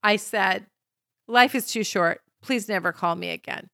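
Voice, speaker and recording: A woman's voice: mid-range voice, a little slow, sharp tone, dry recording, clean studio sound. A middle-aged woman co-hosting a casual podcast chat, playful, laughing often and swearing casually. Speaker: co-host.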